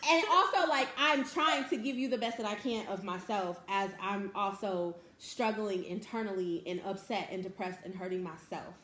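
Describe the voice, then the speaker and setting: A woman's voice: medium pitch, normal speed, few pauses, a bit bright. A woman host and mother talking in a heartfelt, emotional way, often laughing. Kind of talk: emotional casual talk. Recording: echoey room, faint noise.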